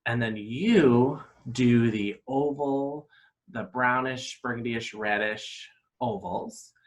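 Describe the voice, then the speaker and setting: A man, an elementary school teacher, giving a playful, animated video lesson to young children. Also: mid-range voice, takes it slowly. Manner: animated, upbeat, playfully exaggerated.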